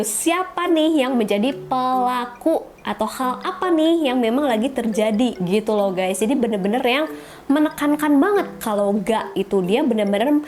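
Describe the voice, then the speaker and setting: A woman teaching Japanese in a casual video lesson, chatty and often asking her viewers rhetorical questions. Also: high voice.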